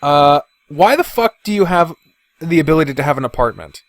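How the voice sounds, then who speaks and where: Fairly high-pitched and fairly quick, with lively intonation, a male podcast host rants about video games in a dry recording. He swears often, speaks bluntly and keeps griping in his casual, opinionated commentary.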